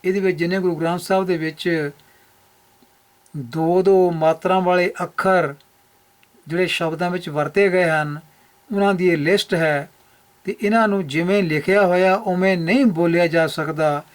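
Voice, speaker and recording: A man's voice: high voice, fairly even intonation, moderate pace. A man explaining scripture pronunciation rules over slides, methodical and repeating key points for emphasis. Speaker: Gurbani pronunciation teacher.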